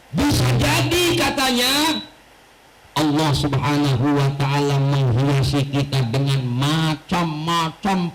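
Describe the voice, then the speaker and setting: A male preacher giving an animated mosque sermon, joking and quoting Arabic texts. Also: high-pitched, slight background noise, low-quality recording. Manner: animated storytelling with jokes and Arabic quotations. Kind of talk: mosque study-circle sermon. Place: mosque hall.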